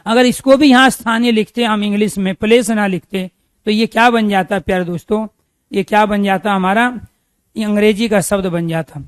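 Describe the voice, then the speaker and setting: High-voiced man teaching a grammar lesson. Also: steady tone, normal speed, dry recording. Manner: repeats key phrases, asks and answers own questions.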